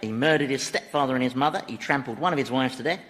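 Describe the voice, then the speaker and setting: A man's voice: mid-range voice, fast, a bit bright, close to an everyday voice. A man playing a sardonic, mischievous Satan in a radio sitcom, chatty and mockingly innocent. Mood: gleeful. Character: gleeful, sardonic male Satan, mischievous ruler of Hell. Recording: hall reverb.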